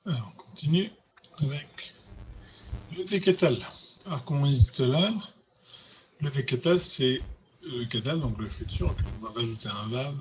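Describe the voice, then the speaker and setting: A man's voice: medium pitch, lively intonation, normal speed, pauses often, lo-fi sound, slight background noise. A man teaching a grammar lesson, patiently repeating and spelling out words. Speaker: Hebrew teacher.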